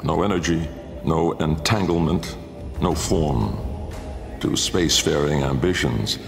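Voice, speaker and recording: A male actor voices a haunted, brooding older aristocratic inventor in a video game, narrating his memoir as a theatrical monologue. His gravelly, rumbling low voice is exaggerated and bitterly reflective, grandiloquent and deliberate, pausing for weight. Long cavernous reverb sits under music.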